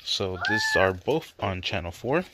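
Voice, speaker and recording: A dad narrates an unboxing review in his bedroom, speaking a little slowly in a low voice with lively intonation. He's laid-back and plain-spoken, and the handheld home recording is noisy.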